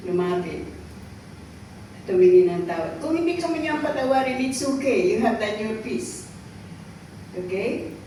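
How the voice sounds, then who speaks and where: A woman's voice: fairly high pitch, lively intonation, a little slow, long pauses, dark tone, slight background noise. A Filipino woman preaching a sermon, often checking in with the congregation by asking "okay?" and "right?". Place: church hall. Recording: echoey hall recorded from far off.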